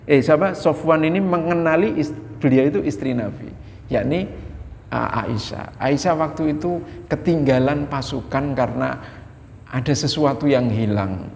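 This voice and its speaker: A man preaching a folksy, animated sermon in a mosque, speaking directly to the congregation. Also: a little high, slight background noise. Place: mosque hall. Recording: long echo of a mosque hall.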